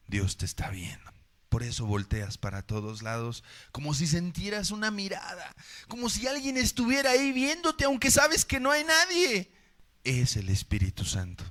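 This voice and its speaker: A man's voice: on the high side, sharp tone. A man with a Mexican accent preaching a sermon, dramatic and full of rhetorical questions aimed straight at the congregation.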